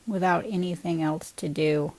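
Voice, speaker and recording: With no room sound in the recording, a woman leads a body scan meditation as a teacher. Her pitch is fairly low, and she speaks calmly and gently, unhurried, pausing between short phrases.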